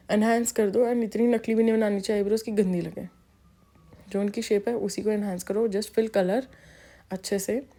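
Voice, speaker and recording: A woman's voice: mid-range voice, dark tone. A woman with an Indian accent giving a makeup tutorial voice-over, switching freely between Hindi and English with frequent ums and restarts. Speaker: makeup artist.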